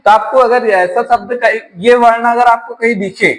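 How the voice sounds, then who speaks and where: A man's voice: very high-pitched, steady tone, normal speed, low-quality recording. A man from teaching an exam-prep grammar lesson, explaining step by step and asking his class rhetorical questions.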